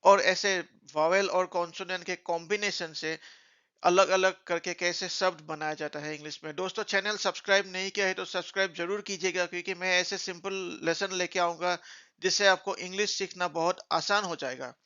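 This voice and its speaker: A man teaching beginner English in a lesson, speaking slowly and spelling words out letter by letter. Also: sits high, steady tone, bright, forceful tone, smooth, muffled recording.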